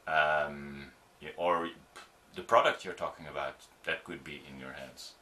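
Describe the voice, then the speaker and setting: Low-voiced man teaching on camera. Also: steady tone, pushed and bright. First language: Dutch. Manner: halting, many ums and restarts, demonstrative. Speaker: audiovisual producer teaching on-camera skills. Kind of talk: informal video tutorial.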